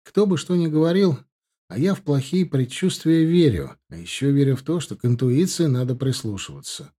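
Husky-voiced male audiobook narrator. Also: mid-range voice, very animated, normal speed, dark tone. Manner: reflective, conversational. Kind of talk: first-person audiobook narration.

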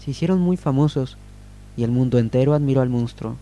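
A man with a mid-range voice improvises a children's story on a radio show, telling it gently and without hurry.

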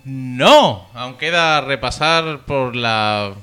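A man's voice: medium pitch, very slow, pushed and bright, clear, resonant tone. A man with a Spain accent co-hosting a podcast, chatting casually and jokily and reading out listener mail. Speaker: podcast co-host.

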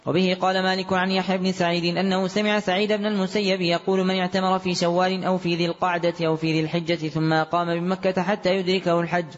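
A man reading a classical text aloud as a student, in a rapid, even recitation with occasional chanted tones. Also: high voice. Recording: dull lo-fi recording in a long-reverb hall.

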